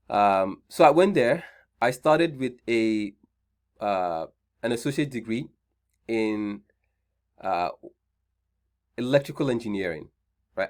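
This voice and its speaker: A man with a Nigerian accent hosting an online career seminar, chatty, often repeating his points and checking in with "right?". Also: mid-range voice. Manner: conversational, repeats key points, frequent "right?" check-ins. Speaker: seminar host.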